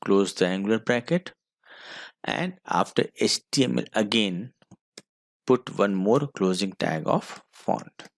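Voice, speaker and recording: A man's voice: lowish voice, expressive, a little slow, creaky, no echo, clean studio sound. A man with an Indian English accent teaching a school computer class, dictating code step by step. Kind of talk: screen-recorded coding lesson.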